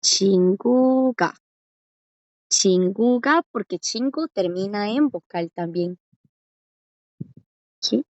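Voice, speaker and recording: A woman's voice: mid-range voice, animated, a little mellow, no room sound. A woman gives a patient classroom lesson, stretching out example words and often checking that her students follow. Her voice is close and dry. The sound is slightly muffled. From Costa Rica. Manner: patient, slows down to spell out examples with rising checks. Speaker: Korean language teacher.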